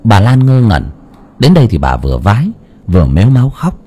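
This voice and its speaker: A man narrating an audiobook with steady storytelling. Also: fairly low pitch, brisk, a little hiss or hum.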